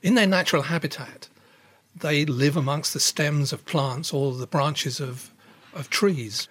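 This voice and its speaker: A man giving measured expert explanations as an interviewed scientist. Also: fairly high pitch, fairly bright tone, husky, no echo.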